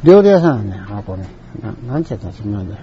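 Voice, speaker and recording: A man's voice: lowish voice, very animated, rapid-fire, slight background noise. An older man with a Kansai accent telling a rambling personal anecdote in a chatty, colloquial, digressive way. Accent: Kansai Japanese. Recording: dull lo-fi recording.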